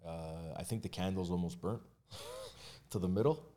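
Man, very low voice, podcast guest, casual candid chat, lots of fillers. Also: a little slow, mellow. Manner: candid, conversational, with frequent fillers and restarts. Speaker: mortgage agent and realtor guest.

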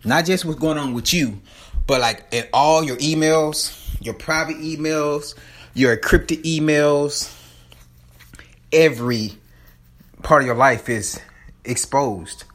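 A somewhat high-voiced man talking in a loose, profane, chatty ramble. He is a bit out of breath while moving up and down stairs indoors. He is recorded on a phone he holds in his hand. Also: takes it slowly, pauses often, a bit bright. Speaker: vlogger reviewing a movie. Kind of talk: casual rambling monologue. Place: townhome, walking up and down stairs. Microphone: phone held in hand.

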